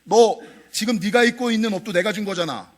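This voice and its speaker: A man's voice: high voice, fairly quick, close to an everyday voice. Preacher putting on an angry threatening father. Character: angry rich father threatening his son.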